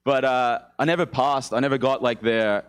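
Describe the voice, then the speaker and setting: A man's voice: medium pitch, fairly even intonation, moderate pace, clear, resonant tone. A young man with an Australian accent, telling loose, profane stories as a guest comedian. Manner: laid-back, swearing, laughing mid-story. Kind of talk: casual stand-up chat.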